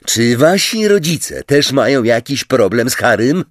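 A man voicing a loyal, easily flustered teenage boy who exclaims loudly. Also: sits high, wildly swooping pitch, slow, no room sound, studio quality, pitched above the performer's own voice, full character voice. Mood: forceful. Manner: loud, exclaiming.

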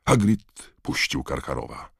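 A male audiobook narrator with a very deep voice, telling the story steadily and evenly. The recording is close and dry, with no room around it. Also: big pitch swings, unhurried, gravelly, a bit bright, slightly rough, no echo.

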